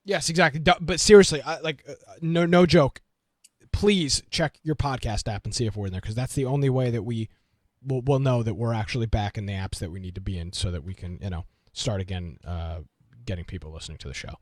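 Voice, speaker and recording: A man's voice: medium pitch, brisk, dry recording, clean studio sound. A young man who is a college student, co-hosting a podcast in casual chat with a chatty, upbeat delivery and some hesitation. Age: young adult. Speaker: podcast co-host.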